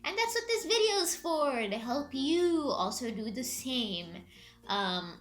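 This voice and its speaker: A woman's voice: sits high, big pitch swings, measured pace. A woman in her twenties from Egypt, chatting casually and upbeat on her vlog and laughing often. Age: 20s. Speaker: YouTuber. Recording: music faintly behind.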